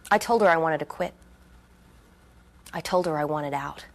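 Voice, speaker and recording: A woman's voice: low voice, normal speed. An actress playing a tired young female medical resident who talks in a strained way. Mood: bitter.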